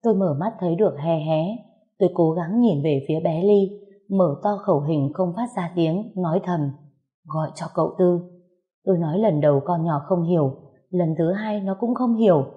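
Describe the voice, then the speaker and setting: A woman narrating a first-person story in a lively, indignant way. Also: lowish voice, moderate pace, narrow, tinny audio.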